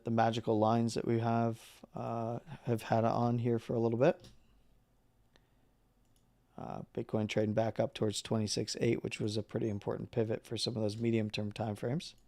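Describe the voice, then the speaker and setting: A man hosting a live market analysis stream who is losing his voice, talking casually through chart levels with halting fillers and the odd throat-clear. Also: mid-range voice, no echo. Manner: halting, with fillers and number readouts; clears throat and coughs now and then.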